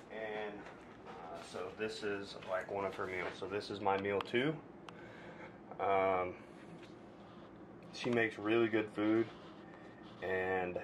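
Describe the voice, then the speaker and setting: This lowish-voiced American man in his thirties is a bodybuilder who talks casually to his camera in gym and home rooms, sometimes stopping mid-sentence. The audio, captured by a camera mic set some distance away, sounds roomy and carries clear background noise.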